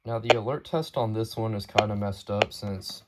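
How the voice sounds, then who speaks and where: Speaking at normal speed in a lowish voice, the man walks viewers through his weather radio collection in a relaxed, improvised way. The recording is very noisy.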